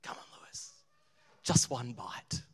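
A man voicing a whispery tempting cupcake. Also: takes it slowly. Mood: coaxing. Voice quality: hushed, whispery. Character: tempting talking cupcake, sly and coaxing. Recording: long hall reverb, faint music.

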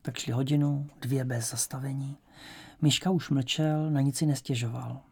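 A man narrating an audiobook in a measured, even storytelling manner. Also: mid-range voice, gravelly, husky.

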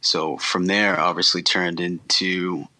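A man guesting on a podcast, talking in a relaxed, rambling way with many ums and restarts. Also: low voice, slow. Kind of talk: casual interview chat.

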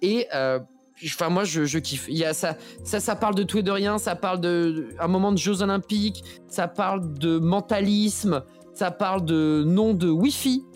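A man's voice: high-pitched, moderate pace, soft background music. A man co-hosting a podcast, chatting casually and enthusiastically, pleading with listeners and using a lot of slang. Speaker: podcast co-host.

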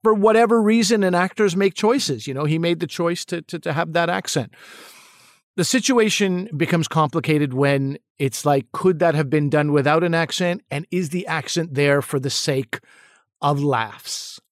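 Man with a higher, dry voice. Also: moderate pace, dry recording. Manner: thoughtful, often restarting and repeating words. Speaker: actor and comedian. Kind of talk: interview answers.

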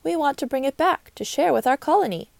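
A woman voicing a strong, busy female worker ant in a storybook, brisk and matter-of-fact. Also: high voice, expressive, creaky, a little mellow, no room sound. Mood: chatty.

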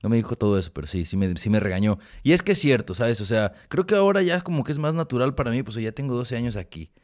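A man's voice: mid-range voice, expressive, fast, darkish tone. A Mexican man hosting a podcast, chatting casually with slang and jokes while telling stories. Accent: Mexican Spanish. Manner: slangy, joking, storytelling. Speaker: podcast host. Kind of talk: casual chat.

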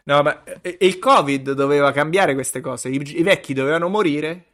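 A man with a fairly high voice co-hosts a casual comedy podcast. His manner is irreverent and conversational. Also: moderate pace, a bit bright. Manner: irreverent, acts out imagined quotes. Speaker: podcast co-host.

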